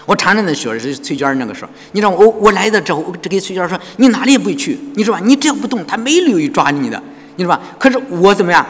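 A man delivers a sermon in a church hall, his voice high and swinging widely in pitch. His tone is a little husky, and the long reverb of the hall trails after every phrase. He keeps turning to the congregation with rhetorical questions. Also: racing. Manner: animated preaching with frequent rhetorical questions to the congregation. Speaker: pastor.

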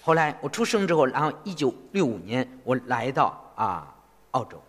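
A man interpreting a sermon phrase by phrase in an animated way. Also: mid-range voice, moderate pace. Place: church hall. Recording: long reverb of a church hall.

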